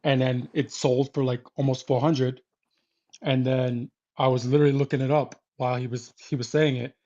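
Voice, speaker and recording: A man's voice: medium pitch, level tone, warm tone. Rambling man on a muffled call. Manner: rambling, halting retelling. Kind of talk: casual storytelling.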